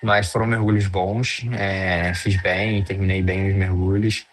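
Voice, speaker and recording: Low-voiced Brazilian man, halting talk. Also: level tone, slight background noise. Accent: Brazilian Portuguese. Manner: hesitant, loose, full of fillers and restarts. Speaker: guest, freediver. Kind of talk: casual interview.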